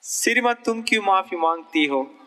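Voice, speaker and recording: A monk voicing a fatherly calm spiritual teacher. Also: high voice, moderate pace, pitched above the performer's own voice. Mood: gentle. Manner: gentle, approving, fatherly. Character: calm kindly old male spiritual teacher.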